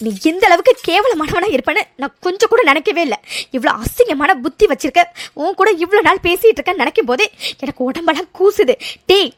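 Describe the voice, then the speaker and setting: A woman voicing a fierce young woman student in a cartoon serial, scolding in a shrill, indignant way. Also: a bit bright, heavily acted.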